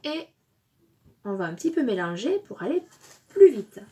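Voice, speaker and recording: A woman teaching a phonics lesson to young children, speaking slowly and deliberately, stressing each syllable loudly and praising the listener. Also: a little high, big pitch swings, breathy edge. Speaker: kindergarten teacher.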